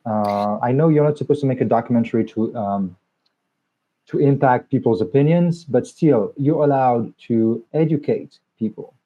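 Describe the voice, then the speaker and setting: The interviewer, a man of medium pitch talking at a moderate pace, chats with a film director at a festival in a relaxed, supportive manner. The sound is dull and lo-fi.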